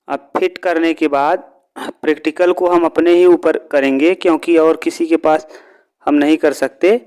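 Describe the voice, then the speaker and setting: A man's voice: on the high side, a little mellow, clear, resonant tone. A male teacher giving a step-by-step lesson, often asking a question and answering it himself. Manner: asks and answers his own questions.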